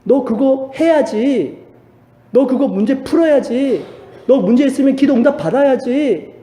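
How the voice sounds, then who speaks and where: A sly, accusing devil, put on by a male preacher, pitched high and pressing, firing off one needling question after another. His voice rings through a long, echoey church hall. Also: animated, warm tone. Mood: taunting. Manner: rapid-fire needling questions.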